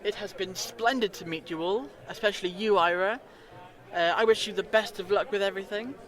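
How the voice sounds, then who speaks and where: The Doctor, a man playing a high-voiced eccentric time traveller. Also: fairly quick, fairly bright tone. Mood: cheerful farewell. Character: eccentric time-travelling alien adventurer, breezy and curious. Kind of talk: fan audio drama acting. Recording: noisy home recording.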